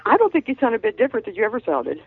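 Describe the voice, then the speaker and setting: A man with a gravelly, husky voice swings high and low as he reacts with quick exclamations. He comes through a dry, tinny, phone-like line. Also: big pitch swings, no room sound. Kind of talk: casual on-air chat.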